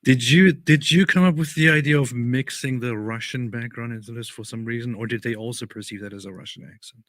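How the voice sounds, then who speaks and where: A man hosting a livestream, reacting to clips with relaxed, casual commentary and repeating his phrases. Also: mid-range voice, a little fast, no room sound, clean studio sound. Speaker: livestream host.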